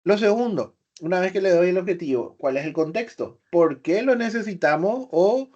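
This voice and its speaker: A man presenting a webinar, explaining software step by step with rhetorical questions and filler sounds. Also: high-pitched, animated, normal speed. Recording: slightly dull webinar audio.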